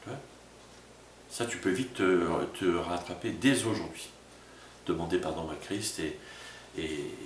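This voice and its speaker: A pastor speaks to small groups in an informal sermon style, often checking in with the listener. His voice sits low and reaches the mic from across an echoey room. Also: slight background noise. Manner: informal, addresses listener as tu, frequent "tu vois". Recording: roomy echo from a distance with faint ambience.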